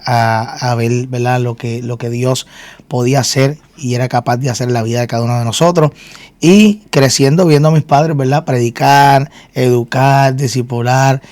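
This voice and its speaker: A man's voice: mid-range voice, a little mellow, no room sound. A man from Puerto Rico with a Puerto Rican accent, a minister giving his testimony in an earnest way, repeating words and using fillers. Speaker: minister and guest. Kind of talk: testimony interview.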